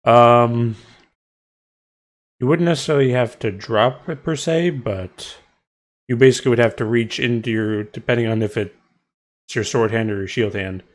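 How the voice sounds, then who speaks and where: A man with a mid-range voice acts as game master for a tabletop game, explaining rules and narrating the scene. He speaks at a moderate pace with long pauses and frequent ums and restarts.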